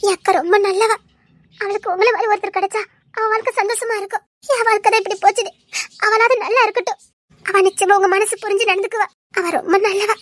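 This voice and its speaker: A woman's voice: very high-pitched, steady tone, fast, fairly bright tone, no room sound. A woman voicing a tearful young woman who begs, while crying, for her sister's happiness. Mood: pleading. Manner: tearful, pleading. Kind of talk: amateur drama dialogue.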